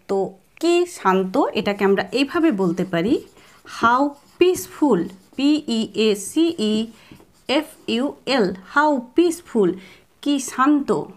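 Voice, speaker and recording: Slow, careful woman English teacher. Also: fairly high pitch. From Bengal. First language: Bengali. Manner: spells out words letter by letter, says model phrases slowly. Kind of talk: spoken English lesson.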